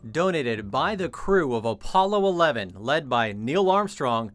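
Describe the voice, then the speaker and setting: A man's voice: mid-range voice, sing-song, unhurried, a bit bright. An American man working as a reporter, narrating a scripted television news feature. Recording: music behind the voice. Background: music bed.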